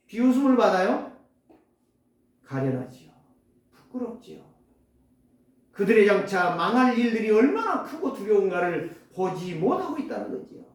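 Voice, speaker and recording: A male pastor preaching a sermon emphatically, firing rhetorical questions and swinging between loud and soft. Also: high-pitched. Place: church sanctuary. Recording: echoey church hall, distant mic.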